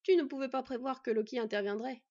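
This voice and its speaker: A woman voicing a pessimistic male elf who speaks flatly and wearily. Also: high-pitched, fast talker, gravelly, lo-fi sound. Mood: reassuring. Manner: flat and weary.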